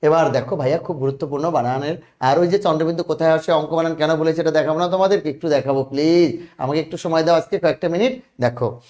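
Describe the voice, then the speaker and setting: A man's voice: a little high, fast talker, darkish tone, echoey room. A man teaching a spelling lesson online, repeating words and often checking that students follow.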